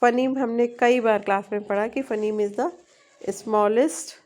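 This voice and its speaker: A woman with an Indian accent teaching a linguistics tutorial, switching between Hindi and English, reading definitions slowly and often checking in with her students. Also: a little high, steady tone, darkish tone. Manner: frequent checking tag questions. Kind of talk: explaining at a board in mixed Hindi and English.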